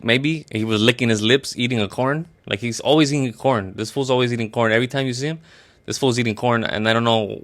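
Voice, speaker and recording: A man casually retelling a story in a rambling, profane, deadpan way, as a comedy bit. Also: fairly low pitch.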